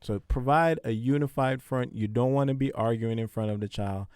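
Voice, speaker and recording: A man's voice: mid-range voice, normal speed, darkish tone, clear, resonant tone, dry recording, studio quality. A man hosting a podcast, giving casual parenting advice in a conversational, repetitive, preachy way. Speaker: podcast host.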